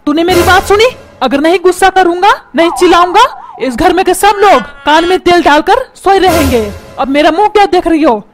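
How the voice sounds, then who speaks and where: A woman voicing a short-tempered middle-aged cartoon father who yells and scolds his family. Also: very high voice, lively intonation, fairly quick. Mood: angry. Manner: yelling, scolding, self-pitying. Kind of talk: cartoon voice acting. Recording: music playing underneath.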